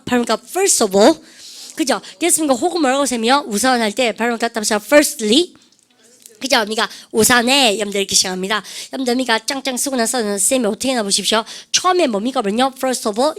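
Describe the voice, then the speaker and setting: A woman's voice: fairly high pitch, fairly bright tone. A Korean woman teaching an English vocabulary lesson, prompting students to repeat phrases in call-and-response drills.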